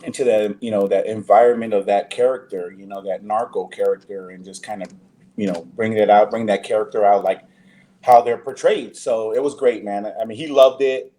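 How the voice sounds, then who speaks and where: A man's voice: fairly low pitch, fairly even intonation, brisk, mellow. A man, an actor guest in a casual interview, talking loosely with many fillers and restarts.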